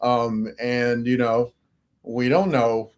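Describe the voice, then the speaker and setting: A man's voice: mid-range voice, steady tone, takes it slowly, darkish tone. A man co-hosting a cybersecurity podcast, talking casually and rambling with frequent fillers.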